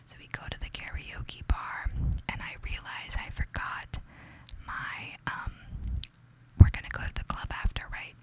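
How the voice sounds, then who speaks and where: A woman's voice: a little slow, rough recording. A young woman with a New York accent telling a gossipy, casual ASMR story in a whisper, confiding and chatty, often saying "like". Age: young adult. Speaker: ASMR creator.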